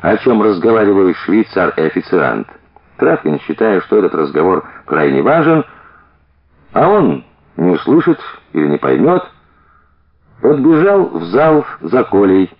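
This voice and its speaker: Low, lively male audiobook narrator. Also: a little slow, breathy edge, lo-fi sound.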